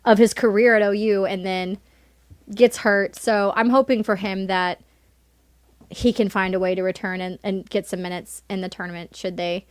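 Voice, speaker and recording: Young woman cohost, lively sports chatter, mid-pitched, dry close mic. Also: normal speed, smooth, no room sound. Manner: animated, opinionated, laughs often. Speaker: co-host of a college sports show. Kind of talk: casual sports chat.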